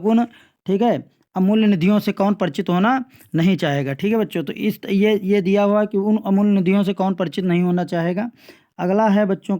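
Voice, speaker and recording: A male teacher works through an exam paper with students step by step, frequently checking in with the class and repeating "theek hai bachchon." His voice is high with a dark tone, captured on a dull lo-fi recording.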